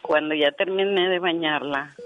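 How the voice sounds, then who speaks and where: A woman's voice: low-pitched, moderate pace, dull audio, slight background noise. A woman calling into a radio show, earnestly telling a story with quoted dialogue, her voice tearful at times. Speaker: radio caller.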